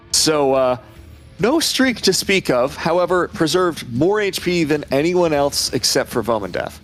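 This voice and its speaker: A man co-casting a live esports match, playful and chatty. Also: fairly high pitch. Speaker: esports co-caster.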